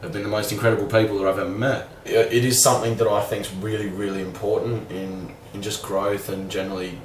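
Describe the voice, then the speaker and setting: A man's voice: on the low side, level tone, quick pace. Young man, casual rambling vlog, fillers and mild swearing, faint hum behind. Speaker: vlogger. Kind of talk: casual reflective monologue. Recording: roomy sound, a bit far from the mic, faint background hum.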